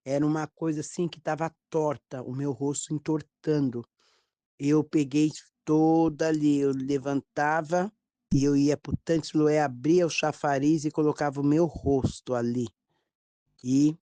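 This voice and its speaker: A woman pastor with a Brazilian accent, telling a testimony in a sermon, with lively storytelling and acted quotes. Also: sits low, unhurried, dry recording. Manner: storytelling, animated quoted dialogue.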